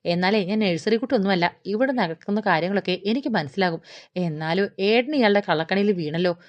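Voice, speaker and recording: A sharp-tongued teenage sister fires back quick, indignant retorts, read by a woman narrator. Her voice is dry and close. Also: medium pitch, no room sound, lo-fi sound, lightly acted.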